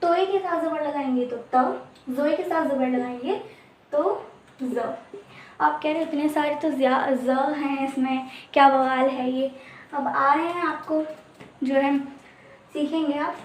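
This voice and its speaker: A woman with a high voice gives a casual language lesson a little slowly, patiently drilling letter sounds one at a time. The room is echoey, with a faint hiss of background noise.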